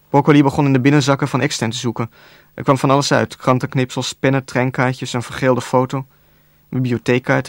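Flat-voiced man narrating a novel. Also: medium pitch, gravelly, no room sound. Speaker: audiobook narrator. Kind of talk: scripted narration.

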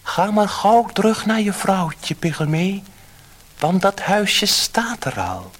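A man reading a storybook, voicing a small kindly magic fish with a light, silvery voice and calm, reassuring manner. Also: high-pitched, takes it slowly, voice pushed up, exaggerated voice, low-quality recording. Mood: gentle reassuring.

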